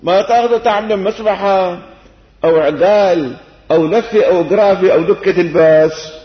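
An older sheikh with a Damascene accent gives a homely sermon lesson, peppering it with rhetorical questions and a gentle, teasing humor. His voice sits high for a man. It comes through a long, echoing hall on a dull, lo-fi old tape. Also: moderate pace. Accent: Syrian Arabic, Damascene. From Syria. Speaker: sheikh giving Quran commentary.

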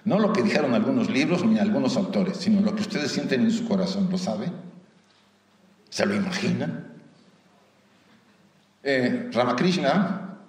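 A man's voice: mid-range voice, lively intonation, a little slow, long pauses, a little mellow. A man with a Mexican accent gives a conversational spiritual lecture to a live audience, often asking them rhetorical questions and adding light humor. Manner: light humor mixed into the teaching. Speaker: lecturer at a theosophical society. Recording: roomy hall echo, voice from far off.

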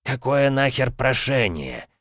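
A man's voice: low voice, fairly even intonation, moderate pace, fairly bright tone, no room sound, studio quality. A man voicing a sardonic male spirit who mocks his friend, in an audiobook. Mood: indignant. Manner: sarcastic, drawling.

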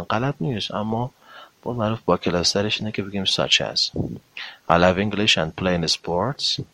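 A man teaching a language lesson, drawing out English example phrases slowly between brisker explanations. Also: low-pitched, fairly bright tone, no echo. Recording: dull lo-fi recording.

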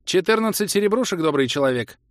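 A man's voice: high voice, lively intonation, quick pace, no echo, studio quality, pitched above the performer's own voice. A man voicing a folksy male village trader with rustic, wheedling speech. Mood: dismissive.

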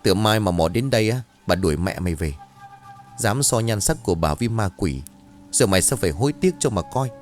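A man's voice: on the low side, animated, a little fast, soft background music, natural voice. Man voicing a spiteful, foul-mouthed village girl. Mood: spiteful grumbling. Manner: vulgar, muttering grumble. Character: coarse young village woman, spiteful.

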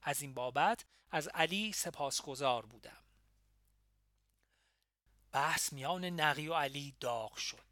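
A man narrating a first-person memoir audiobook in a steady, reflective way. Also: on the high side, dry recording, clean studio sound.

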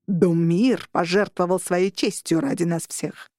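A woman voicing a scheming male vampire lord who presses his case and shouts back. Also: lowish voice, fairly even intonation, a little slow, dry recording, clean studio sound, lightly acted. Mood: insistent. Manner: insistent, shouting.

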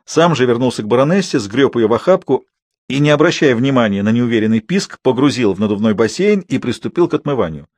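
A male audiobook narrator reads a novel in a calm, unhurried voice with a touch of irony. His pitch sits in the middle of the range. The recording is close and dry, with no room sound. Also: no echo. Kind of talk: scripted narration.

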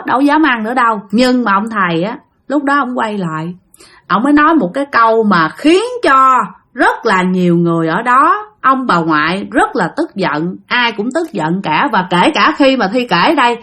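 A woman with a Southern Vietnamese accent telling a ghost story in an animated way, speaking straight to her listeners. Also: fairly high pitch, breathy edge. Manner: animated, addresses listeners directly. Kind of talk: spoken ghost story narration.

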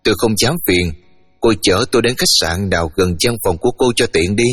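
A man's voice: lowish voice, a little fast, fairly bright tone. A man voicing a determined young woman traveler in a story reading, speaking in a firm, insistent way. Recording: reverberant room, faint music.

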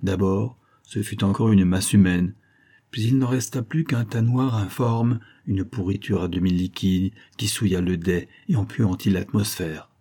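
A man narrating a novel as an audiobook, in measured, dramatic storytelling. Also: fairly low pitch, dark tone.

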